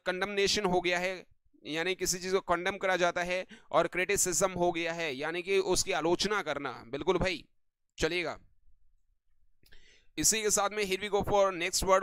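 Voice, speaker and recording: A man with a high, smooth, ringing voice runs an online vocabulary lesson. He keeps repeating stock affirmations and throws quick questions at his viewers. The sound is close and dry, with no room around it. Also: a bit bright, no room sound. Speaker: English vocabulary teacher.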